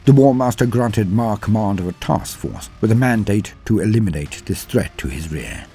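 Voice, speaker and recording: The host of a lore channel, a man with a lowish, dark-toned voice, narrates scripted lore at a normal speed. His delivery is animated yet grave and dramatic, with faint music playing behind him.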